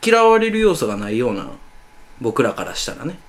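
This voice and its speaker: A man with an Osaka Kansai accent talks fast in casual radio-style banter. His voice swings widely up and down as he tells a story. He co-hosts a laid-back chat show. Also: medium pitch, wildly swooping pitch. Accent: Osaka Kansai dialect. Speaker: co-host.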